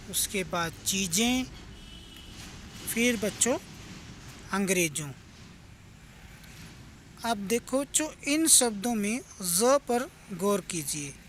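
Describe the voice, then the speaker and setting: A man's voice: high-pitched, fairly bright tone, a little hiss or hum. A male teacher explaining a textbook lesson to children, patient and repetitive, often addressing the class directly. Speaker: school teacher.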